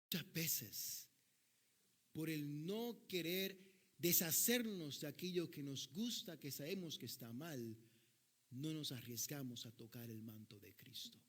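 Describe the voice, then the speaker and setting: A man's voice: on the high side, expressive, a little slow. A male pastor preaching a sermon, telling a long parable and voicing the people in it as he goes. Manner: tells a parable, acting out quoted voices in dialogue. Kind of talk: sermon storytelling.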